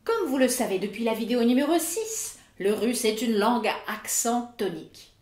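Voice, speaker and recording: A woman narrating an educational video as host, with a clear, didactic delivery. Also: a little high, moderate pace, reverberant. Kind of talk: scripted explanatory narration.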